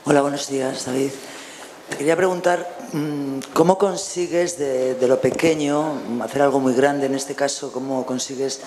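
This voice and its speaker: A man's voice: mid-range voice, steady tone, moderate pace, a little mellow, slight background noise. A man from Spain, a journalist politely asking a hesitant question at a press conference.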